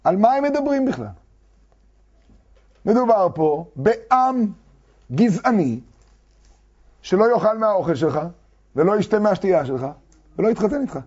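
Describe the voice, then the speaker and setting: A man teaching a Talmud lesson to a class, reading quoted texts slowly and then explaining them with fervor. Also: high-pitched, lively intonation, a little mellow. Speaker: Torah teacher. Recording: dull lo-fi recording.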